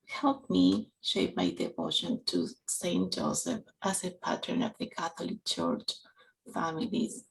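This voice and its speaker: A Peruvian woman in her forties, a parish council member, offers an earnest personal reflection for a church novena in English, her second language, with a Peruvian Spanish accent. Her lowish voice has vocal fry, and she speaks slowly and haltingly with soft whispered stretches, on a low-quality recording.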